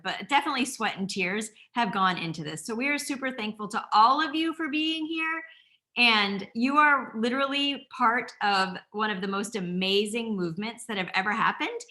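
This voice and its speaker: A woman from Maine on a video-call panel, fast-talking and effusive. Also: on the high side, pushed and bright.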